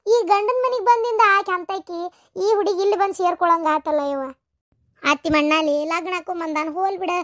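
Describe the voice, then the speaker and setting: A woman's voice: very high-pitched, fairly quick, fairly bright tone. A woman voicing a grieving, complaining mother with a North Karnataka Kannada accent in a cartoon story. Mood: lamenting. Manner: lamenting, complaining. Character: grieving middle-aged mother, bitter and lamenting.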